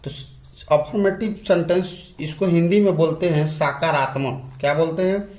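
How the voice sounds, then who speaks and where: A man teaching English grammar in a lesson, repeating key words slowly and drawing them out. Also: fairly high pitch, darkish tone. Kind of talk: explaining at a whiteboard. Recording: echoey room.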